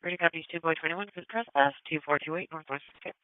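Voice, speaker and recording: Man on police radio, dispatcher, clipped codes, fairly high voice, crisp, tinny narrow band. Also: quick pace, no room sound. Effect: police radio transmission.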